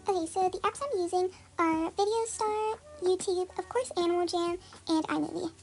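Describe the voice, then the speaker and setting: A voice run through a voice changer that pushes it very high, so the speaker's real voice is hidden. They walk through a tutorial in a loose, chatty way, full of fillers. Music plays clearly in the background. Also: normal speed. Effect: voice changer disguising the voice, pitched very high. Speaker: tutorial channel host. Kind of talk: casual step-by-step tutorial.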